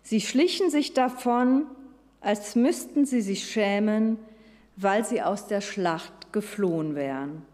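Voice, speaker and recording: A woman's voice: medium pitch, animated, takes it slowly, a little mellow, big-room sound. A woman preaching a sermon who retells the story vividly and speaks straight to her listeners. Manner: storytelling, addresses listeners directly.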